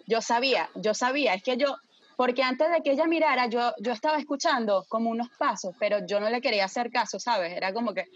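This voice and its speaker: A woman telling a story casually to friends, dramatic and lively, swearing freely and often checking that her listeners follow. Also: on the high side, quick pace, dry recording, muffled recording.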